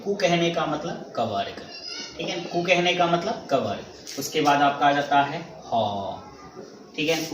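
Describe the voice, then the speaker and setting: A male teacher giving a classroom grammar lesson, repeating each point and asking questions back to the class. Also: a little high. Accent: Hindi. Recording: echoey room, mic far off, faint noise.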